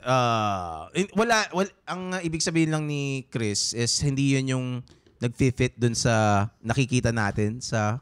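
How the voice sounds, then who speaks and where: A man's voice: medium pitch, animated, unhurried, clean tone. A man with a Filipino accent co-hosting a podcast, talking casually in a rambling, hesitant way with many fillers and restarts, switching between Tagalog and English. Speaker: podcast co-host. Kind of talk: casual chat.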